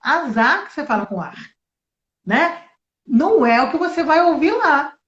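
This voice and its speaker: High-voiced woman teacher, echoey. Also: normal speed. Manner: lively, explains with spoken examples. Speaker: English teacher. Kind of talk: relaxed interview chat. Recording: echoey, dull lo-fi sound.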